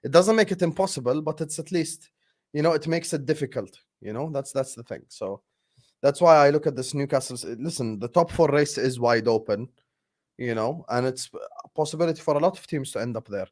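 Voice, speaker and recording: A young man co-hosts a casual football live stream. His voice is mid-pitched, and he gives his views in a relaxed, matter-of-fact way. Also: a little fast. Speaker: football channel co-host.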